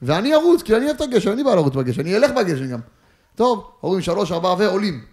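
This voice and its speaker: High-voiced man rambling through a funny story. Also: big pitch swings, darkish tone. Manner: rambling, jokey storytelling with acted-out quotes. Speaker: podcast guest. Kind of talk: casual chat, storytelling.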